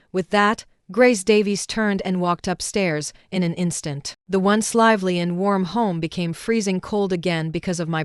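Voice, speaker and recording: A woman narrating a scripted first-person story in a steady, even read. Her voice is smooth and resonant. It sounds close and dry. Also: lowish voice, no echo.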